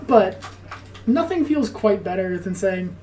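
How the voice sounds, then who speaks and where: A woman's voice: medium pitch, animated, a little slow, over music. A woman chatting casually as co-commentator on a tabletop game, muffled by a face mask. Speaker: match co-commentator.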